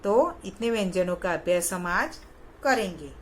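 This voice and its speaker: A woman teaching young children in a recorded lesson, patient and repeating each sound with clear stress. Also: lowish voice, lively intonation, a little slow, slight background noise. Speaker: kindergarten teacher.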